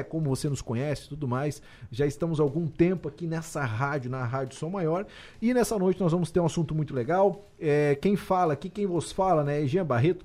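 A man's voice: fairly high pitch, dark tone. A man hosting a casual radio talk show, bantering and teasing his co-hosts. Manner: joking, teasing, quick banter.

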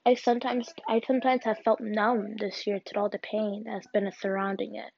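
A young woman hosting a solo podcast, talking in an earnest, halting way with restarts. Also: medium pitch, little pitch movement, vocal fry, a little mellow, dry recording. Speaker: podcast host. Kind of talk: solo personal podcast reflection. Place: alone at home. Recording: dull, dry lo-fi recording.

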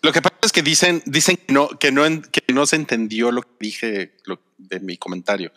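A man joins a casual chat over a video call. His voice comes through bright and sharp, but the internet line is choppy and keeps cutting out. He keeps checking whether the others can hear him. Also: medium pitch, steady tone, normal speed. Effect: choppy internet call audio that keeps cutting out. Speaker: remote podcast co-host.

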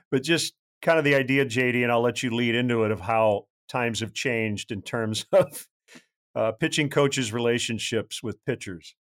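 A man hosts a casual talk show and passes the conversation between his guests. He speaks at a middle pitch in an easy, relaxed way. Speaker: host. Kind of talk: casual interview chat.

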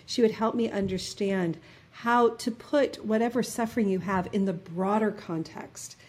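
In a reflective interview, a New Jersey woman in her fifties tells personal stories earnestly, restarting often and using many fillers. She speaks at a moderate pace in a mid-range voice with a darkish tone.

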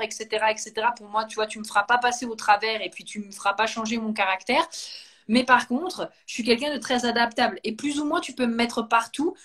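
A woman in casual conversation, thinking aloud with many fillers and restarts. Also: on the high side. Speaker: coach and host. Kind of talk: casual conversation, live video.

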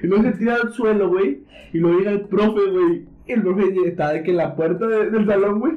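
A man's voice: high voice, quick pace, echoey room, narrow, tinny audio. A young man with a Mexican accent telling school stories in casual chat with friends, laughing often and acting out voices. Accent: Mexican Spanish. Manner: laughing storyteller, slangy, acts out voices.

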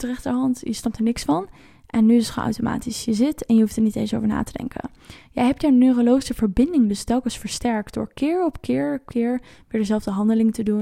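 Warm, gravelly woman explaining casually. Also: fairly high pitch, dry recording, studio quality. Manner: chatty and informal, searching for words. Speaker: trauma coach hosting an online challenge. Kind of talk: informal explanatory talk to viewers.

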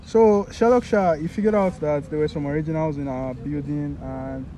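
A man's voice: on the high side, normal speed, warm tone, a little hiss or hum, poor audio. A young man from Nigeria with a Nigerian accent, chatting casually as a podcast co-host and often searching for words. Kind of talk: casual chat.

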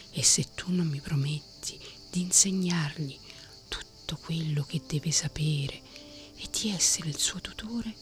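A woman voicing a gentle, worried dying old king in a whispered role-play. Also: sits low. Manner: soft, slow whispering.

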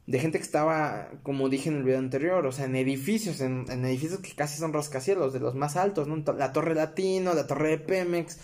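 A young man with a Mexican accent talks straight to his viewers in a casual storytelling vlog. His voice sits a little on the high side, and he rambles along with plenty of fillers and self-corrections, calling the audience his friends. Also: fairly quick, hardly any pauses, a little mellow. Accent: Mexican Spanish. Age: young adult. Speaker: vlogger.

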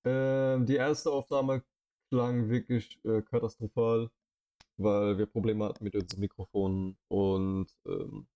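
A man's voice: on the low side, level tone, a little slow, highs cut off. A man in his twenties co-hosting a casual podcast, rambling with many fillers, speaking into a headset microphone. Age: 20s. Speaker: podcast co-host.

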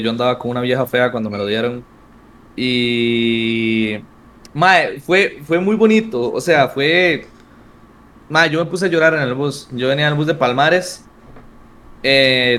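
A young streamer from Costa Rica, speaking with a Costa Rican accent, tells stories in a casual interview chat full of slang. His voice is medium-pitched and slow, and his storytelling is slangy and animated.

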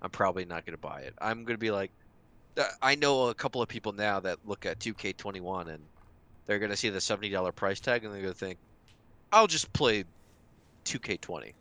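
A man's voice: on the low side, quick pace, dry recording. A man co-hosting a gaming podcast, chatting casually and animatedly, filling his talk with "like" and restarts. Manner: animated, heavy use of "like", many restarts. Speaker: podcast co-host. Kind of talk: casual chat.

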